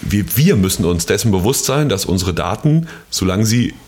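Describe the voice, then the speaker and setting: A man co-hosting a podcast, explaining legal points in a relaxed, conversational way and often checking in with a quick "ne?". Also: fairly low pitch. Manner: conversational, explanatory, frequent "ne?" tags. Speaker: podcast co-host. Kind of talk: casual podcast discussion.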